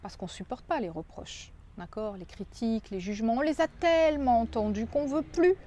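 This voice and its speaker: Gentle reassuring woman coach. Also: fairly high pitch, moderate pace. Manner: gentle, reassuring, repeats phrases for emphasis. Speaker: personal development coach. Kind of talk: coaching video addressed to viewers.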